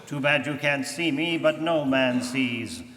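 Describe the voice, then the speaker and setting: A man's voice: medium pitch, a little slow, fairly bright tone, slight background noise, natural voice. A man playing a commanding, taunting invisible vigilante in a theatrical, menacing radio drama style, live in an echoey church hall. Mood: triumphant, taunting. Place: live stage performance in a church.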